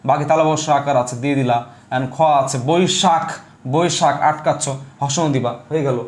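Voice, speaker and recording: A man's voice: fairly high pitch, normal speed, roomy sound. A man teaching an online class. He repeats each rule and keeps checking whether students understood. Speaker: Bengali language teacher.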